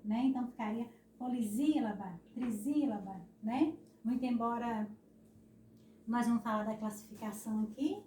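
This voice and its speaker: A Brazilian woman teacher giving a lesson, drawing out syllables slowly and often tagging a questioning "né?". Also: on the high side, dark tone, a little hiss or hum. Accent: Brazilian Portuguese. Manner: slow, syllable-stressing explanations with frequent "né?". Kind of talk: recorded classroom lesson. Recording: echoey room, voice from a distance.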